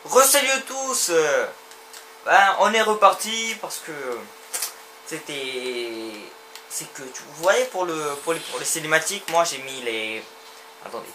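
A young man casually commenting on his gameplay, excitable and talking back to the characters on screen, often repeating himself. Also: a little high, measured pace, slight background noise. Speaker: let's play gamer.

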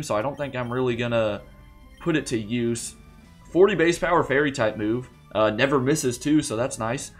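A young man hosting a gaming channel, chatting loosely through a let's play in a groggy morning voice, rambling with lots of fillers and restarts. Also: mid-range voice. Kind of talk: casual let's play commentary. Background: faint game music.

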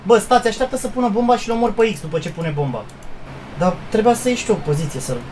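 A man calls the shots in a team shooter game and keeps firing crude insults at his teammates, his pitch leaping all over the place as he shouts. Gunfire and game noise sit clearly under his voice on this busy stream. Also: expressive. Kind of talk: profane live gaming commentary. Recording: noisy stream audio with gunfire behind.

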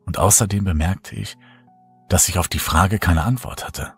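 A man reading a horror story aloud as a narrator, in a slow, hushed and dramatic style. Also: low-pitched, husky. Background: faint music.

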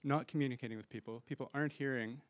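This dry recording captures a man racing through his words at medium pitch with fairly even intonation. As an organizer on a conference panel, he holds a handheld microphone on a conference room stage and hedges thoughtfully, often restarting and using fillers.

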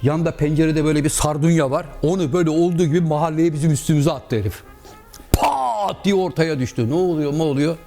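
A man tells comic anecdotes in a lively way and slips into the voices of the people in them. His speaking voice sits somewhat high for a man. Faint music plays in the background. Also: fast talker. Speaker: actor telling anecdotes. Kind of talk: comic storytelling.

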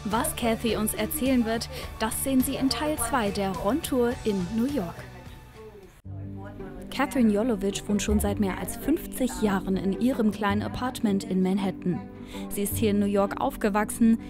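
With a mid-range voice and moderate pace, a young woman reporter delivers light, chatty narration for a travel TV piece. It's a scripted voice-over, and background music can be heard clearly.

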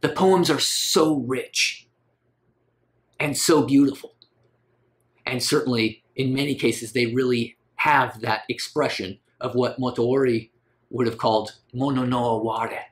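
Male lecturer, middle pitch, animated, rhetorical questions, emphatic rises. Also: unhurried. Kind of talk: recorded literature lecture.

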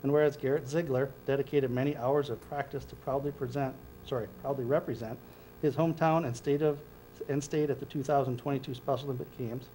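A man's voice: mid-range voice, fairly even intonation, fairly quick, dark tone, slight background noise, rough recording. A middle-aged man leading a village board meeting, reading formal proclamations at a podium and correcting small slips as he goes. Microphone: podium microphone.

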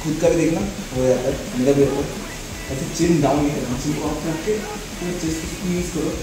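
A young male fitness vlogger with a fairly high voice speaks quickly, walking through chest exercises in a casual, instructive gym tutorial and addressing his viewers as brothers. He's in a small indoor gym, recorded by a camera on a stand a few steps off, and the room is echoey with music playing.

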